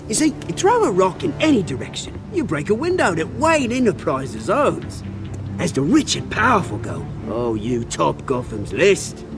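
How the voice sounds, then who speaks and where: An actor playing a cocky, volatile British rogue, a fallen heir turned revolutionary, taunting and theatrical in a video game. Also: male voice, high-pitched, huge pitch swings, normal speed, vocal fry, over music, exaggerated voice. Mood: sly, threatening.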